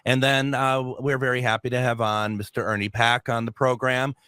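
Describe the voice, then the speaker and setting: A man's voice: medium pitch, little pitch movement, normal speed, pushed and bright, clear, resonant tone, no echo, clean studio sound. A man with an American accent hosting a radio show, speaking in a conversational broadcast style. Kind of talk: radio ad reads and casual hosting.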